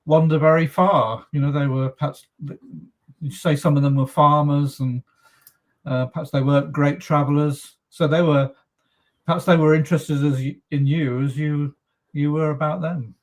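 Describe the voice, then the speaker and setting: A man hosting a podcast asks long, rambling questions full of fillers in a casual interview chat. His voice is fairly high with fairly even intonation at a moderate pace.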